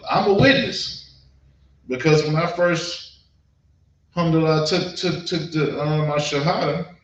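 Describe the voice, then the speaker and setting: An American man preaches a casual sermon in a steady tone, his voice fairly high. The echoey, muted room and distant mic make him sound far off, and he speaks haltingly and repetitively, checking in often like in conversation.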